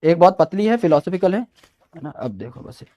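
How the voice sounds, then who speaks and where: A man's voice: fairly high pitch, very animated, brisk. Brotherly male coaching teacher, slightly muffled. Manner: chatty, brotherly, checks in with "right?". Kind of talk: casual mentoring talk to students.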